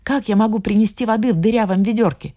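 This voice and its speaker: A woman's voice: mid-range voice, quick pace, dark tone, voice pushed up, close to an everyday voice. A woman voicing a meek young heroine who pleads earnestly. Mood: pleading.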